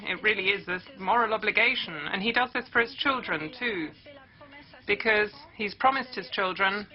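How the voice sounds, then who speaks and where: A woman's voice: mid-range voice, dull audio. A woman hosting an event, giving a formal introduction of the next speaker. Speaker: event host.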